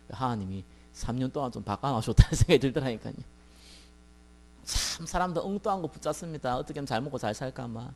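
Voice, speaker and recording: A man pastor preaching a sermon, with lively rhetorical questions and emphatic rising peaks. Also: medium pitch, gravelly. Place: church sanctuary.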